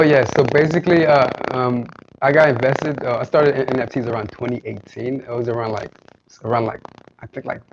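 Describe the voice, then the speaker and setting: A man chatting as a guest, hesitant and padding his talk with fillers. His voice comes through a low sample rate, robotic-sounding call mic that is dull and lo-fi. Loud static crackles under every word. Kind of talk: casual chat. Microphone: poor computer mic on a call.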